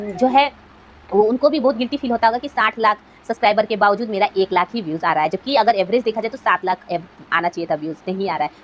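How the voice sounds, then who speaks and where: A woman's voice: medium pitch, a little hiss or hum, poor audio. A woman YouTuber giving an earnest motivational talk to fellow creators, asking rhetorical questions as she goes.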